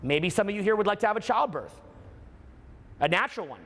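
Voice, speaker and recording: A man's voice: high-pitched, very animated, a little fast, a bit bright. A man giving a spiritual motivational talk, dramatic and emphatic, piling up rhetorical questions. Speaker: motivational speaker. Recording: echoing hall with long reverb.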